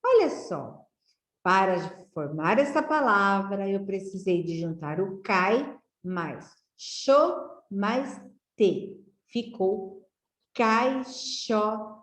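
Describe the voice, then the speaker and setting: Slow, sing-song woman teacher. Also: mid-range voice, animated. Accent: Brazilian Portuguese. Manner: sing-song syllable drilling, friendly questions to kids. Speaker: literacy teacher. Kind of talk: slow, clearly enunciated lesson for young children. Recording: echoey room.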